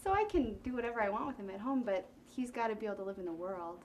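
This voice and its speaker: A woman's voice: medium pitch, lively intonation, fast, darkish tone, slight background noise. Blunt, emphatic mother in an interview. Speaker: mother interviewed about parenting. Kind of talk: documentary interview.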